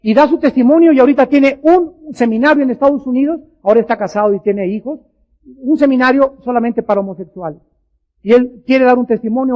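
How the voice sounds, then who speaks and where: Emphatic woman preaching, lo-fi recording. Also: a little high. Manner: emphatic, repeats words for stress. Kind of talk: sermon. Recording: dull lo-fi archive recording.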